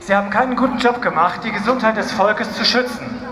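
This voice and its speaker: High-voiced guy interpreting a speech at a demo, bit by bit, crowd noise all around, echoey speakers. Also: fairly quick. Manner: translating phrase by phrase, occasionally restarting words. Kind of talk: consecutive interpreting at a rally. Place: outdoor street demonstration. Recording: echoey outdoor loudspeaker sound with crowd noise.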